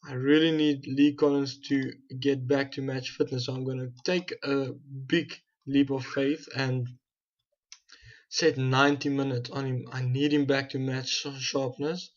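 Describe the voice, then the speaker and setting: A young South African man commentates casually on his football management game for his gaming channel, thinking aloud and regularly backtracking to correct himself. His mid-range voice has little pitch movement and a measured pace, and the recording's highs are cut off.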